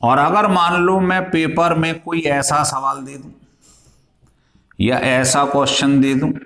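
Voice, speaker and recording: A man's voice: a little high, flat delivery, slow pace, creaky, a bit bright. A male chemistry teacher lecturing in a classroom style, explaining step by step and asking his students questions as he goes. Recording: echoey room.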